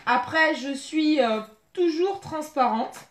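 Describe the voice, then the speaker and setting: Female live streamer, fairly high voice, excitable and chatty, keeps greeting viewers by name. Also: slow pace.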